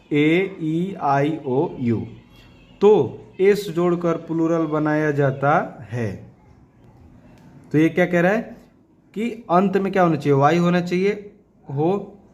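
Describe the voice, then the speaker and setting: A man teaching a grammar lesson, asking questions and answering them himself, repeating key points and slowing down to spell out each rule. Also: fairly high pitch. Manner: slows down and stretches words when stating rules. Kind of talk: classroom lesson explaining rules.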